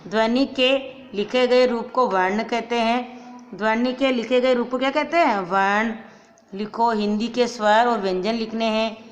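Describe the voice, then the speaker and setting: Teacher, woman, fairly high voice, slow and patient with small children, repeats and quizzes. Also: steady tone, a little hiss or hum. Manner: slow, repeats each point and asks the class to answer. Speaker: primary school teacher. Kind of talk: recorded Hindi grammar lesson for young children.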